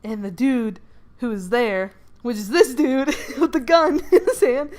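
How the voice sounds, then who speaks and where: A woman's voice: on the high side, measured pace, a little mellow. A woman casually telling a dream story while she doodles, rambling with many fillers, giggles and swears. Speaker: channel creator.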